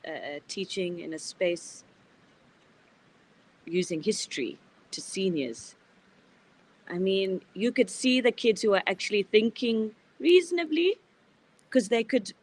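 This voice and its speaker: A woman who has worked as a teacher, talking thoughtfully in conversation, pausing to gather her words. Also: mid-range voice, rough recording. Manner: thoughtful, with frequent fillers and restarts. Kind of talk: reflective conversational talk.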